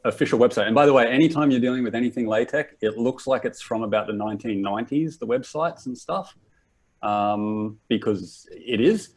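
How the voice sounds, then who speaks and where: In a fairly low voice with a darkish tone, a young Australian man in his twenties hosts a casual live workshop. He keeps things laid-back and rambling, restarting his sentences often.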